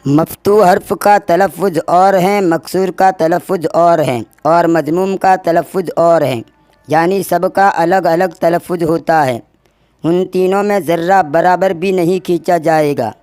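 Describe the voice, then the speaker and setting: A man teaching a recorded language lesson, pronouncing letters one at a time in a slow, deliberate drill before explaining the rule. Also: on the high side, a little mellow, clean tone, no echo.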